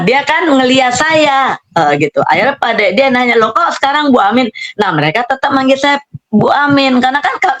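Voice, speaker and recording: A woman's voice: fairly high pitch, a bit bright. A middle-aged woman, animatedly telling her own story in a casual spoken testimony and acting out the dialogue. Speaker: testimony speaker.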